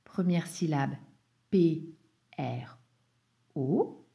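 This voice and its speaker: Slow, patient French schoolteacher woman. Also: sits low, vocal fry, mellow. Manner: slow, patient, spells out letters one by one. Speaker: primary school teacher. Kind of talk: dictation correction lesson for young pupils.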